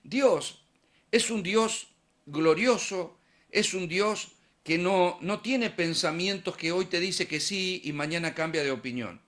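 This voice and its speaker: A middle-aged preacher with an Argentine Spanish accent and a fairly high voice. He talks to his congregation in a conversational tone, posing questions and then answering them himself. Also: takes it slowly, a bit bright. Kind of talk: sermon.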